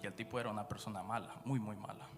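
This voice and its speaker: A man from Guatemala with a Guatemalan Spanish accent, giving his church testimony in an unscripted storytelling way, full of fillers, his voice dropping low when he recounts dark moments. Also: fairly even intonation, very fast. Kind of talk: personal testimony after prayer. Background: background music.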